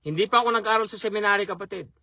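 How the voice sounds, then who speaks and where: Bright high-voiced male preacher. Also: rapid-fire, no room sound, clean studio sound. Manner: repeats key phrases for emphasis. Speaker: chaplain and preacher. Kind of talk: sermon.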